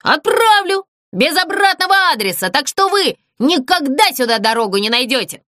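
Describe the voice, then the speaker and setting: A woman voicing a hot-headed talking mailbox from a storybook, loud and indignant. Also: high-pitched, sing-song, normal speed, no room sound, clean studio sound, pitched above the performer's own voice. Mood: threatening. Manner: shouting, indignant.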